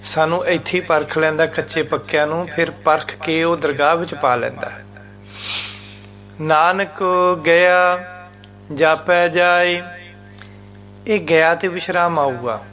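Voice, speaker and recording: A man teaching the meaning and recitation of scripture, speaking deliberately and repeating words syllable by syllable to show how they are pronounced. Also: on the high side, fairly even intonation, a bit bright, soft background music.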